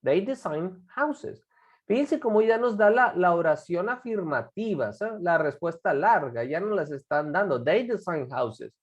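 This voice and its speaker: A woman with a low voice leads an English class. Her pitch rises and falls a lot as she coaxes students along with guiding questions. She drills pronunciation patiently, repeating each word. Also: animated, moderate pace, few pauses, breathy edge. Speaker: English teacher.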